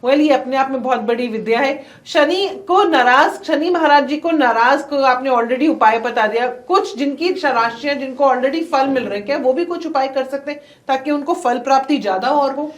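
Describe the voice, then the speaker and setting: A woman's voice: high-pitched, moderate pace, hardly any pauses, reverberant. A woman hosting an interview who asks curious questions and often affirms her guest. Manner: inquisitive, with frequent affirming backchannels. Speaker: interviewer host.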